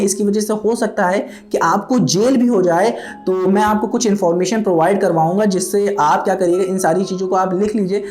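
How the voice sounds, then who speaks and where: A man voicing a pushy male scammer posing as a customs officer, insistent and calmly reassuring. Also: high voice, echoey room, voice pushed down, natural voice.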